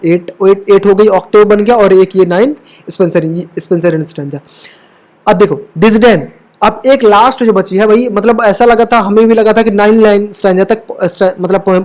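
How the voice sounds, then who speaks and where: A woman's voice: mid-range voice, darkish tone. Female lit tutor, exam-prep lecture style, rhetorical questions, frequent self-corrections. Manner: keeps asking rhetorical questions and checking in with "theek hai"; corrects own slips mid-sentence. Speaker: English literature teacher. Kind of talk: exam-prep lecture mixing Hindi and English terms.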